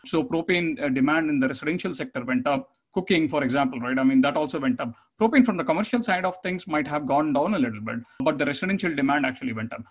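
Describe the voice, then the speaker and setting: Man, husky, slightly high voice, webinar slide talk, video call mic, fillers and restarts. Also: lively intonation, fast, hardly any pauses. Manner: explanatory, many fillers and restarts. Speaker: conference presenter.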